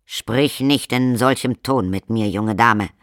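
A man's voice: fairly low pitch, expressive, normal speed, no room sound, studio quality. A man voicing a stern, pompous vampire count speaking to his family. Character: stern, self-assured vampire count, father.

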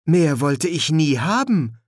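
Man voicing a high, eager young boy for an audiobook, dry close sound. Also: sing-song, slow pace, no room sound, heavily acted. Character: boy leader, eager, turning commanding then frantic.

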